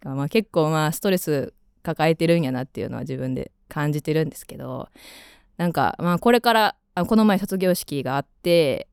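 A woman's voice: deep voice, a little fast, gravelly, a little mellow, clean tone, no echo, studio quality. A woman in her twenties with a Kansai accent, hosting a radio show in casual, rambling chat full of fillers. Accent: Kansai Japanese. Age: 20s. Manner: chatty, rambling, with frequent fillers. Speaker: radio host.

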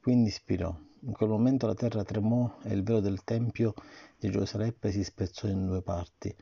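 A middle-aged man reading a bedtime story aloud to his son and gently, patiently asking him questions about it. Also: fairly low pitch, creaky, breathy edge. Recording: dull lo-fi recording.

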